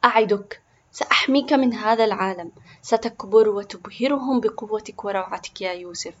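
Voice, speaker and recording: A woman voicing a gentle, patient young mother in a storybook, speaking softly. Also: medium pitch, a little fast, lo-fi sound, heavy background noise, close to an everyday voice. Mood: anxious. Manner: soft, tender.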